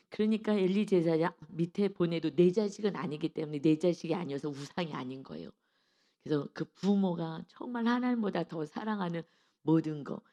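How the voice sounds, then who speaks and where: Woman pastor, lowish voice, early-morning sermon, acts out the voices in her stories. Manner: acts out quoted voices, swings from soft to loud.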